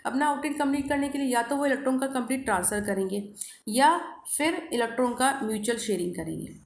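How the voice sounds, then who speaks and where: Woman, Indian accent, chemistry teacher, high voice, question-and-answer lecture, echoey room. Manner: asks questions and answers them herself, repeats key terms; mixes Hindi and English, addresses students as children. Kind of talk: classroom lecture.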